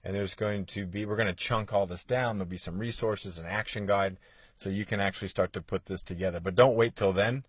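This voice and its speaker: A husky, fairly low-voiced podcast host in his forties gives a motivational talk a little on the fast side, his intonation fairly even. He comes across as earnest and coaxing, relying on rhetorical questions, and the close mic yields a dry, intimate sound free of room echo.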